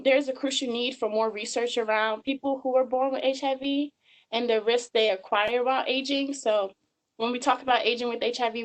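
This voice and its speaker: A woman's voice: mid-range voice, poor audio. A woman in her twenties giving a webinar presentation over slides, earnest and full of filler ums. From Georgia, US. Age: 20s.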